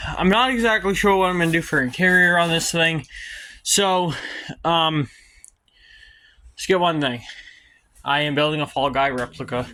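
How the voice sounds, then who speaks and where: A man talks his way through a workshop project in his home garage. His voice is bright and forceful, pitched a little high. He rambles and hesitates, filling gaps with ums. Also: a little hiss or hum. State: out of breath at times. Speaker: garage vlogger. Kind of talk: casual workshop vlog.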